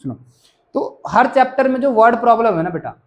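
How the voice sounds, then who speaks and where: A man's voice: extremely high pitch, expressive, brisk. A man teaches a maths class. He keeps it casual and chatty, repeating each key point and coaxing the students along as he works through the problems. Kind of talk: classroom lesson explaining solutions.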